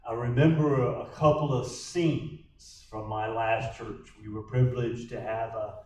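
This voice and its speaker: A man, a pastor, teaching a bible study in a church room, slow and emphatic, acting out quoted lines. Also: mid-range voice, fairly even intonation, a little mellow. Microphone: distant backup recording. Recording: echoey room from far off.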